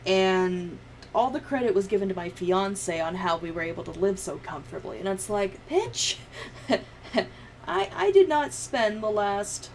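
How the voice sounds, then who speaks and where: Editing a video on a livestream, a young woman from the United States chats casually, swearing and sounding sardonic. She speaks at a measured pace in a mid-range voice. Background noise is clearly audible, along with room ambience.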